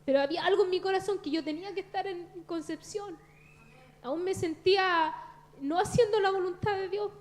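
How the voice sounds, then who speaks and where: A woman's voice: very high-pitched, a little fast. A Chilean woman in her thirties giving an earnest, confessional testimony at a church service, often addressing listeners as brother.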